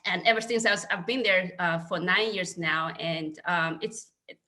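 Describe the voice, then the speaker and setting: A Chinese woman in her thirties, speaking with a Chinese accent, joins a casual accounting panel by video call and tells stories earnestly and candidly. Her voice is on the low side, bright and forceful, at a normal speed.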